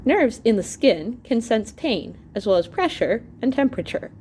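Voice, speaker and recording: With a little noise in the background, a woman reads from an illustrated science book in a teacherly, explanatory way for students. Her mid-pitched voice is expressive and lively, and she stops to clarify terms along the way.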